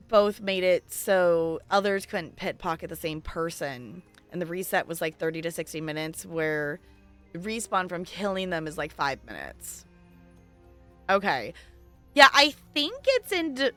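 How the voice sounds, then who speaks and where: This woman's voice is fairly low in pitch with a fairly bright tone. She hosts a game livestream, chatting casually and rambling as she thinks aloud while playing an online game.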